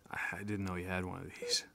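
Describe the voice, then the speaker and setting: An actor playing a remorseful father in an audio drama, speaking in a hushed, halting, apologetic way. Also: low-pitched, vocal fry, noisy background. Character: remorseful adult father, guilt-ridden and gentle. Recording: music bed underneath.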